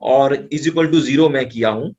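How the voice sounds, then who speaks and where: A man's voice: medium pitch, measured pace, darkish tone, lo-fi sound. A man with an Indian accent working through maths problems as a tutor, thinking aloud as he writes and breezily reassuring the student.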